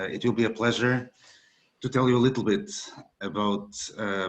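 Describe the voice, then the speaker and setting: A man from Portugal giving an academic webinar talk over a video call, measured and hesitant with frequent fillers. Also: lowish voice. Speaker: guest speaker.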